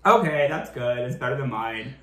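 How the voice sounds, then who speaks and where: Young guy, bright excitable-sounding pitch swings, casual joking, roomy sound. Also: normal speed. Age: young adult. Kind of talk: casual playful banter. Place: small room indoors. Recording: echoey home room.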